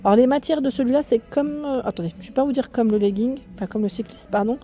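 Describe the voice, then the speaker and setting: A woman's voice: a little high, fast talker. A woman vlogger chatting her way through a clothing store, correcting herself often and speaking up over the store's music. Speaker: fashion vlogger. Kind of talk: casual in-store clothing walkthrough. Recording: faint store music behind. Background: loud in-store music.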